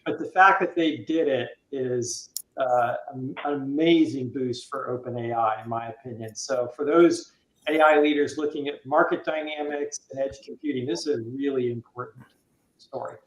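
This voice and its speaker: Um homem que participa de um painel por chamada remota, com a voz ecoando, oca, como se estivesse dentro de um tubo, e expõe seus argumentos ponto a ponto. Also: male voice, medium pitch, normal speed. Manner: lays out points one by one. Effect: hollow echo, as if from inside a tube. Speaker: panel guest. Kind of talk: casual panel discussion. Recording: roomy echoing remote line.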